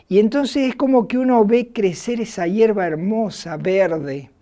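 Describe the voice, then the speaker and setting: Slow, mellow-voiced Argentine woman preaching. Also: mid-range voice. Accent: Argentine Spanish. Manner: slow, reflective preaching with acted quotes. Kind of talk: sermon.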